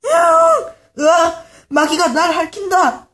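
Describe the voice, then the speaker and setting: A man's voice: extremely high pitch, big pitch swings, takes it slowly, vocal fry, sharp tone, pitched above the performer's own voice, heavily acted. A man voicing a cowardly male zombie pig monster in a storybook reading, yelping in alarm. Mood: panicked.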